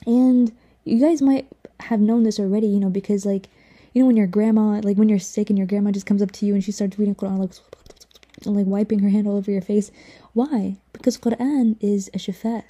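A woman's voice: medium pitch, fairly even intonation, fairly quick, dark tone. A young woman hosting a casual religious podcast, talking earnestly and full of "like" and "you know". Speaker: podcast host.

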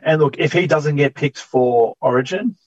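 A man's voice: a little high, normal speed, darkish tone, breathy edge, no echo. A man co-hosting a casual sports podcast, easygoing and hesitant, full of ums. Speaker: podcast co-host. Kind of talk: casual sports fantasy chat. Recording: dull remote audio that turns robotic at times.

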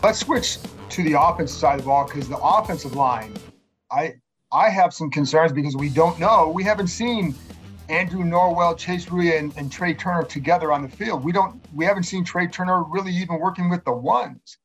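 A man's voice: on the high side, moderate pace, fairly bright tone, soft background music. A man hosting a casual sports discussion, posing questions and often cutting into his own sentences. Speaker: podcast host.

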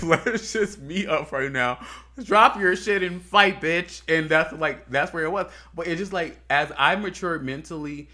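A man's voice: a little high, pushed and bright. A man co-hosting a podcast, talking in a loose, heartfelt way, full of fillers and swearing. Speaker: podcast co-host. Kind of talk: casual chat.

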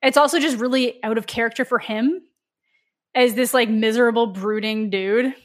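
A woman co-hosting a podcast chats casually about a movie, laughing often and swearing as she mocks it. Her voice is fairly high and her pace is normal.

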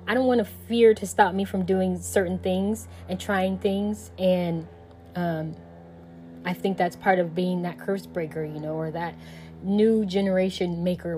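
A woman with a slightly low voice, talking reflectively in casual conversation. She thinks aloud and leans on fillers like "you know" as she goes. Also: darkish tone, slight background noise.

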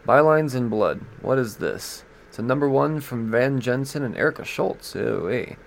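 A man's voice: mid-range voice, expressive, moderate pace, gravelly, a little hiss or hum. A man hosting a comics podcast, going over new releases in casual, profane, joking talk and stumbling as he reads blurbs aloud.

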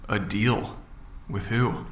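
A man's voice: fairly low pitch, fairly even intonation, takes it slowly, roomy sound, slight background noise. A man playing an unsure male amateur investigator who probes hesitantly and sounds weary. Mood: wary.

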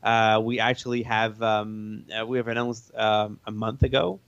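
Male game developer in a casual interview, low-pitched and even, halting delivery, slightly dull lo-fi sound. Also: vocal fry, smooth. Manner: halting, searching for words. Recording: roomy, band-limited dull sound.

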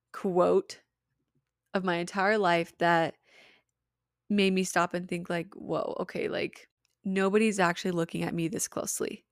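A woman's voice: on the low side, no room sound, clean studio sound. A young woman with a Utah accent hosting her own podcast in a casual, candid way, giggling and swearing freely as she chats. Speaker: podcast host. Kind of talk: casual solo podcast chat.

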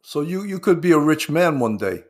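A man with a New York accent hosts an interview show. His voice sits a little high, and he talks casually and conversationally with his guest. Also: very animated, moderate pace, a little mellow.

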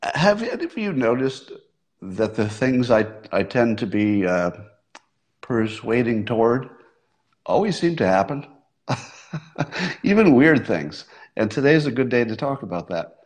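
A man's voice: mid-range voice, sing-song, a little slow, long pauses. A man in his sixties talking to his audience in a casual, musing monologue, with occasional self-amused laughs. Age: 60s. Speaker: livestream host.

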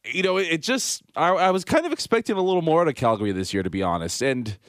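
A man's voice: a little high, sing-song, quick pace, a bit bright, no echo, clean studio sound. A Canadian man hosting a sports podcast, talking in a breezy, slangy, conversational and upbeat way. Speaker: podcast host.

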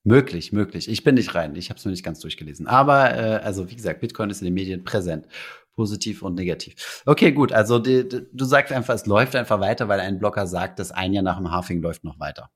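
Deep-voiced man rambling on a podcast. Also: fast, slightly rough. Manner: rambling, many fillers and restarts. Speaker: podcast co-host. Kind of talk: casual podcast chat.

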